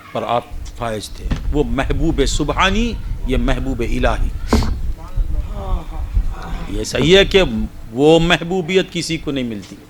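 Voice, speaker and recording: A man who is a Sufi spiritual guide, giving a sermon at a devotional gathering with animated storytelling. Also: a little high. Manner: animated storytelling with acted dialogue.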